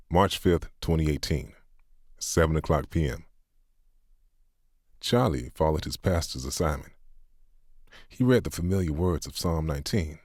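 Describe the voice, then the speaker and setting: Deep-voiced man narrating calmly. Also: dry recording, studio quality. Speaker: audiobook narrator. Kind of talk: scripted narration.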